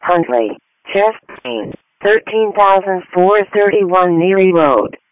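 Slow, high male dispatch announcer, tinny. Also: lively intonation, noisy background. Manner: terse, itemised phrases. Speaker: dispatcher announcing emergency calls. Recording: tinny, phone-like radio dispatch channel.

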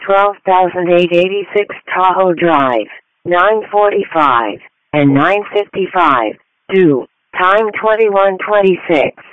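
A man's voice: high voice, expressive, slow, no echo. A man reading formulaic emergency dispatch call-outs in separated short phrases over a radio paging channel. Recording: dry, narrow radio transmission.

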